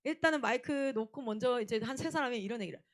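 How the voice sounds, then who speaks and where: Young female preacher, fairly high voice, earnest storytelling sermon with acted-out shouting. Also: fast. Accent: Gyeongsang dialect in places. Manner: acts out shouted scenes, then drops to a low earnest tone. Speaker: missionary preacher.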